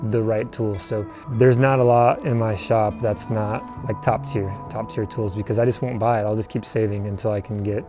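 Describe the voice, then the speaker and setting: A man in his thirties, a furniture maker and company founder, telling his own story to camera in a relaxed, reflective way, with fillers and restarts, standing outdoors in front of a building. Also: fairly low pitch, moderate pace, hardly any pauses, music in the background.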